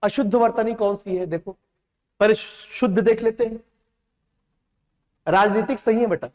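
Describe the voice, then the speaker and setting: A man teaches an exam-prep class, drilling correct and wrong spellings and stopping often to ask whether students follow. His voice sits very high for a man. The sound carries a long echo, like a large hall. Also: fairly even intonation, normal speed, a little mellow. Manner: drills spellings, calls students beta, repeats "clear hai?".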